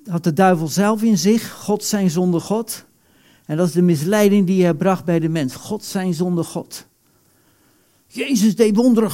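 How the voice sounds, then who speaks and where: A man preaching a sermon, animated, acting out quoted prayers with sudden loud outbursts. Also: sits high.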